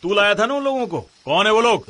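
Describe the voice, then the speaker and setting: A man's voice: high-pitched, expressive, quick pace, sharp tone. An actor dubbing a hot-tempered village man who barks threats at strangers. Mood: furious. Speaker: dubbed film character, a village landowner. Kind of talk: Hindi film dub acting.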